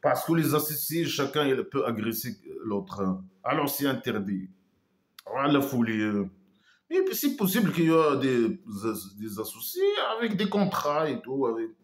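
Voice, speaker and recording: A man's voice: medium pitch, big pitch swings, moderate pace, roomy sound. A man giving a casual critical monologue, scornful and mocking, hesitating with many trailing asides. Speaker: online commentator.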